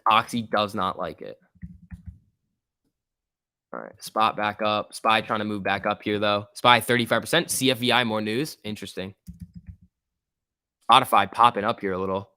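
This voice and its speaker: A man with a forceful, slightly low voice streams live stock trading in a dry, close sound. He talks casually and slangily, repeating words as he reacts to price moves and reads out chat. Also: normal speed, pauses often, clear, resonant tone, no room sound. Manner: informal slangy muttering to himself, repeats words. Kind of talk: casual live market commentary, reading out chat.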